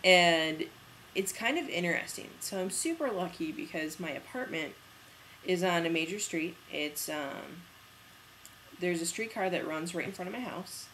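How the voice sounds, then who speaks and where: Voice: mid-range voice, animated, moderate pace, pushed and bright, a little hiss or hum. A young adult vlogger telling a rambling, casual story in a spoken video diary, with plenty of fillers. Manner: chatty and rambling, with frequent fillers.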